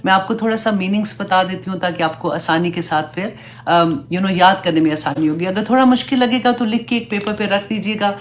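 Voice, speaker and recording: A woman teaching an Islamic class, slowly reciting Arabic prayer phrases and then explaining each one in an earnest, conversational way with English fillers mixed in. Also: mid-range voice, steady tone, slight background noise. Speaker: religious teacher.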